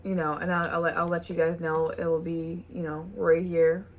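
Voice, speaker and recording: Woman, gravelly voice, lowish pitch, casual vlog chat, talking while eating. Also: little pitch movement, normal speed, a little hiss or hum. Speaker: vlog host. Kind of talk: casual chat over a meal. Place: home.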